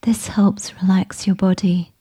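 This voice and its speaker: A woman whispering a slow, soothing guided meditation with gentle instructions. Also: medium pitch, level tone, breathy edge.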